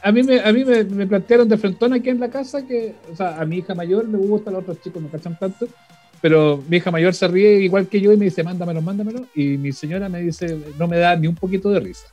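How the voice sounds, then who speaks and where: Husky, high-voiced Chilean man chatting. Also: fairly quick, dark tone, faint music behind. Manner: colloquial, slangy. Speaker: podcast host. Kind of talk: casual chat.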